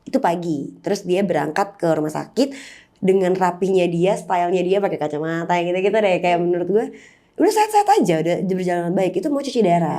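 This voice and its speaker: Interview guest: woman, mellow voice, candid and heartfelt storytelling. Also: on the low side. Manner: candid, emotional, mixes in English words. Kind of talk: personal storytelling in casual chat.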